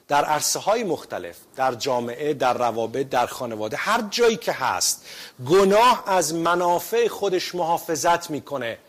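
Guy preaching a sermon, earnest, keeps repeating phrases, slows right down on the prayer bits. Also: medium pitch, fairly bright tone.

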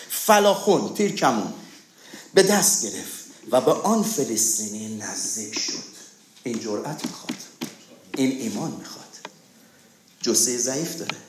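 A man's voice: mid-range voice, reverberant, a little hiss or hum. A man preaching a sermon, asking rhetorical questions and calling for amens. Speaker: pastor.

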